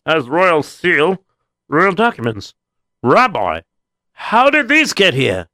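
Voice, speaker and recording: A man's voice: a little high, huge pitch swings, slow pace, pushed and bright, no room sound, clean studio sound, pitched above the performer's own voice, full character voice. A man voicing a thoughtful male army captain who ponders aloud and hums to himself. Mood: stern.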